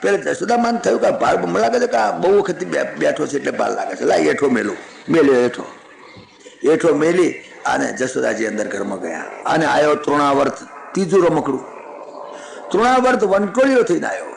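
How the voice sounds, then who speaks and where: A man giving a devotional sermon, telling a scripture story in a lively, folksy way with chuckling asides. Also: on the high side, brisk, gravelly, reverberant, rough recording.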